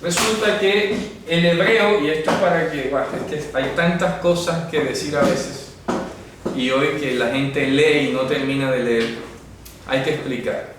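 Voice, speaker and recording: A slightly high, fairly bright male voice delivers a careful Bible lesson at a board, checking in with rhetorical questions to make sure everyone follows. It's recorded on a far-off camera mic in a very echoey room, with a little faint noise.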